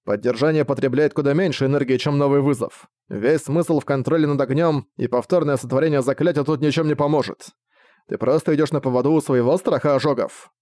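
A relaxed male priest mentor in a storybook reading, unhurried and lightly mocking, as a man reads him in his own mellow voice. The sound is close and dry. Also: mid-range voice, no room sound, natural voice. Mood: teasing. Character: carefree male priest mentor, teasing and calm.

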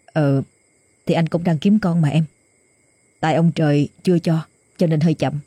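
A woman's voice: low voice, steady tone, moderate pace, no echo. A woman voicing a kind, reassuring young husband. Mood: gentle. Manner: gentle, reassuring.

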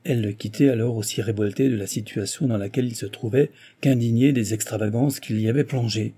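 Husky, dark-voiced male narrator. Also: mid-range voice, fairly even intonation, fairly quick. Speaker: audiobook narrator. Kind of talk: scripted narration of a classic novel.

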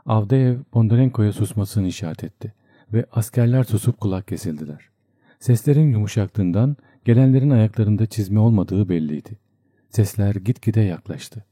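A man reads a literary novel aloud in a measured, even manner. His voice is low and notably dark and mellow. The recording is dry and close. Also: no echo. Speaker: audiobook narrator. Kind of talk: literary audiobook narration.

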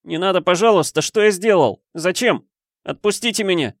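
A man's voice: high-pitched, moderate pace, dry recording, clean studio sound, voice pushed up. A man voicing a sobbing, terrified young boy. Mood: begging tearfully. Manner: pleading, tearful wailing. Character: terrified crying twelve-year-old boy captive.

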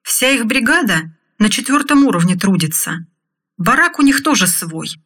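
A woman's voice: fairly high pitch, sing-song, moderate pace, a bit bright, husky, full character voice. A woman voicing a shrewd male mine secretary who speaks in a knowing, matter-of-fact way in an audiobook.

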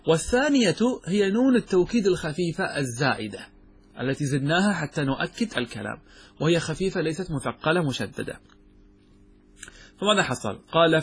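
A man's voice: on the high side, breathy edge. A man teaching a classroom grammar lesson, explaining step by step and asking his students questions that he then answers himself.

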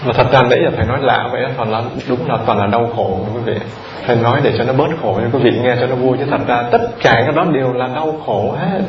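A man's voice: mid-range voice, fast, crowd noise. A Buddhist monk giving a conversational dharma talk, repeating words and putting questions straight to his listeners. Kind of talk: dharma talk to a lay audience. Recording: roomy, dull lo-fi recording with audience.

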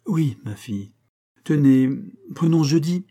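A man's voice: fairly high pitch, animated, measured pace, dark tone, voice pushed up. A man voicing a gleeful young society wife, gossipy and full of amusement. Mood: instructing. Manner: gossipy, breathless with amusement when retelling.

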